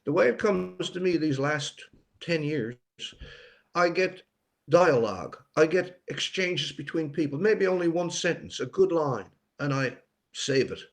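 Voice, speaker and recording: Interviewed about his work, this older writer from Newfoundland, Canada, speaks thoughtfully, with pauses and repeated words to stress his points. His pitch runs on the high side, with a creak of vocal fry.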